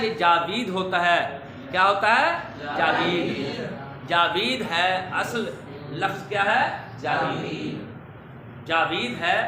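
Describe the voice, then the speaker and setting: A man teaching word pronunciation to children, drawing words out slowly and quizzing with rising questions. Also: high-pitched, noisy background. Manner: slow, drawn-out repetition of words. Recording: echoey room with faint ambience.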